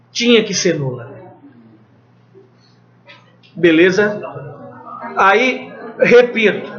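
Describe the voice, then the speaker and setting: A Brazilian Portuguese teacher with a very high, bright voice drills his class through an exam review. He throws questions out and answers them himself in a loose, conversational way, cursing now and then. The recording sounds dull and lo-fi. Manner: swears casually.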